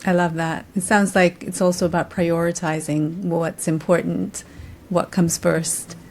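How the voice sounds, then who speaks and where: A woman's voice: lowish voice, level tone, unhurried, a little mellow. A woman hosting a podcast interview, responding in an affirming, thoughtful conversational way. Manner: affirming, thoughtful, with frequent backchannels. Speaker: podcast host.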